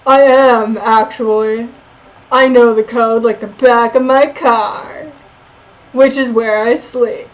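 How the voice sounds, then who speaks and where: Woman playing a jittery broke man, rambling and anxious, a high slow voice, lo-fi. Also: steady tone. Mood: nervous. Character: nervous broke man who sleeps in his car.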